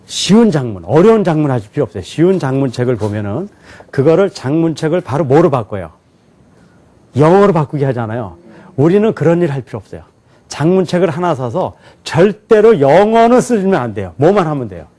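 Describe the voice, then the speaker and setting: A man's voice: fairly high pitch, very animated, mellow. A man giving a lecture to a class, asking questions and answering them himself, with frequent chuckles. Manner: demonstrates pronunciation slowly and syllable by syllable. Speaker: teacher. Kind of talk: televised lecture.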